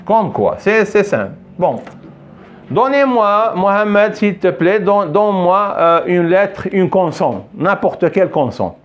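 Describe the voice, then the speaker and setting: An older man leads a pronunciation lesson at an unhurried pace, repeating key words and checking in with his pupils. His voice sits somewhat high and swings widely in pitch as he stresses each syllable. He praises and questions a young pupil along the way. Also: very animated, lo-fi sound. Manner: patient, repeats himself, checks understanding often. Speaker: French teacher. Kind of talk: recorded French pronunciation lesson.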